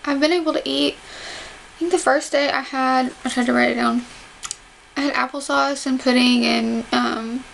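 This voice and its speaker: A young adult vlogger, recovering from surgery, chats casually to camera through banded teeth, her jaw movement restricted. Her high voice is steady, creaky and a bit bright at a normal pace, recorded on noisy home camera audio.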